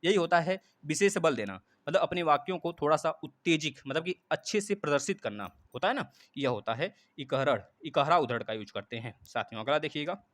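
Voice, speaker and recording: A man teaching a live online class, lively, speaking straight to his students and repeating key points. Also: on the high side, a little fast, few pauses, no room sound. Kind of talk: live online exam-prep lesson.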